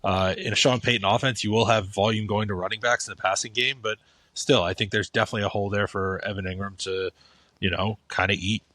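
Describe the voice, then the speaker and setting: A man's voice: fairly low pitch, steady tone, quick pace, pushed and bright, no echo. A man co-hosting a podcast, giving casual fantasy football takes, often restarting with "I think". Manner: thoughtful, repeats "I think" and restarts. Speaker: podcast co-host.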